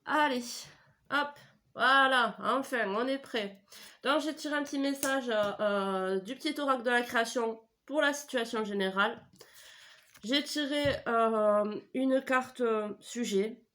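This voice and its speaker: A middle-aged woman with a stuffy head cold gives a casual tarot reading at home, speaking into a desk microphone. She rambles, full of hesitations and self-corrections, in a voice that is a little high and fairly bright at a measured pace.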